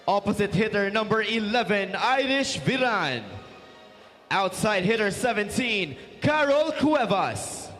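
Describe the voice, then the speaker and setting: A man's voice: high voice, fairly bright tone. A man announcing referees and starting players over the PA, stretching out each name. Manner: slow, drawn-out announcing of names. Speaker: arena announcer. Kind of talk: player introductions over the arena PA. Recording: long reverb of a big coliseum.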